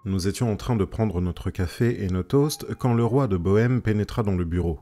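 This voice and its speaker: A man narrating a classic story in a measured, steady reading. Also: fairly low pitch. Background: faint soft music.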